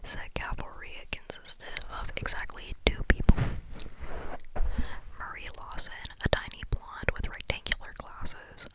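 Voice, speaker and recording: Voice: a little slow, low-quality recording. An ASMR reader who whispers throughout, with hands cupped at the microphone. The delivery is entirely breath with no full voice, reading a book aloud very close to the listener's ear. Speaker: ASMR host. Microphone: up close to a hand-gripped microphone with foam cover.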